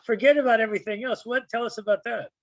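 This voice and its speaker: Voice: mid-range voice, fairly even intonation, quick pace, a bit bright, no echo, lo-fi sound. A radio talk show host asking casual, playful, teasing questions.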